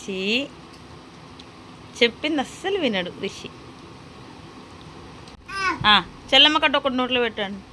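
A woman in her thirties with a Telangana Telugu accent hosts a casual family vlog in her home kitchen. She coaxes and questions her children, then quietly narrates her cooking. Her high, expressive voice is a little slow with frequent pauses, over a slight hiss or hum.

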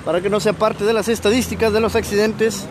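A man's voice: sits high, little pitch movement, a little fast. A man gives a live, filler-heavy street report on a crash, filmed on a phone outdoors. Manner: informal reporting with many fillers. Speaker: local news reporter. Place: busy city street outdoors. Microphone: phone camera, reporter off screen. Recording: outdoor street with traffic noise.

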